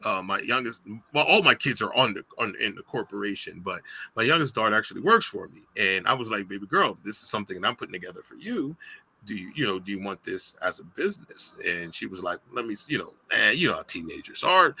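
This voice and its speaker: A man's voice: on the low side, animated, brisk, vocal fry, pushed and bright, husky, poor audio. A middle-aged man guest on a podcast, telling a personal story in a casual, emotional way, with many restarts and acted quotes. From United States. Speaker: podcast guest, business founder.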